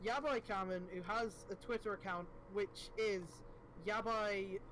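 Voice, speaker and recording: Guy with a high voice chatting on a podcast, lots of ums and swearing, noisy audio. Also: steady tone, unhurried, a bit bright. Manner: rambling, filler-heavy, swears. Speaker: podcast co-host. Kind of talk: casual chat.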